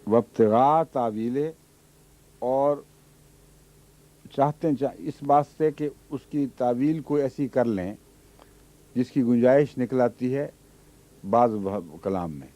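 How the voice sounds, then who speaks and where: Speaking slowly with long pauses, this man's warm, medium-pitched voice carries a Quran commentary lesson. He recites Arabic verses, then explains them with patience, all captured on dull lo-fi archive audio.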